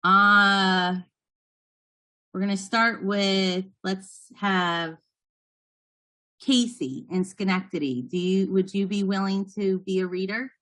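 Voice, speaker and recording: A woman's voice: mid-range voice, slow, sharp tone. A woman leading a training session, explaining patiently and encouraging the trainees. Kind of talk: instructional talk to trainees.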